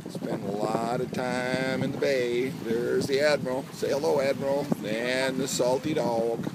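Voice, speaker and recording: An amateur sailor narrates his own home video outdoors, laid-back and understated, on a sailboat and along a lakeshore. His mid-range voice keeps a fairly even intonation and a measured pace. The handheld camera's microphone is battered by wind and picks up boat noise.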